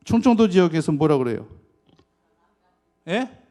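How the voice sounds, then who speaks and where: Male pastor preaching in church, kinda high voice, keeps asking the crowd questions, gets loud then drops quiet. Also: sing-song, unhurried. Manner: rhetorical questions to the congregation, swinging between loud emphasis and soft asides. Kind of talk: sermon. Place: church sanctuary.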